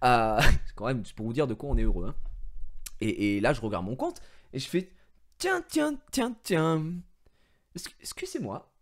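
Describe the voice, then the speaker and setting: A male streamer telling a story to his viewers in an expressive way, swinging from mumbling to shouting and swearing, on a headset mic. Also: medium pitch, fairly quick. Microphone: gaming headset.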